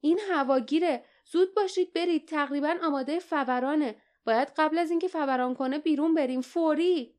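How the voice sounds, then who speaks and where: A woman reading an audiobook, voicing a gruff grown warrior who shouts urgent commands. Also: sits high, steady tone, voice pushed up, close to an everyday voice. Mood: urgent shouting. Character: tough grown man, gruff warrior companion.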